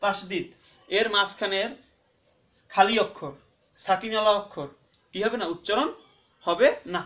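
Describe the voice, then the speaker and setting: A man teaching Quran reading in Bengali, who asks and answers his own questions and spells out letters slowly syllable by syllable. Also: sits high, a bit bright. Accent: Bangladeshi Bengali. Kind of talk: spoken classroom-style lesson.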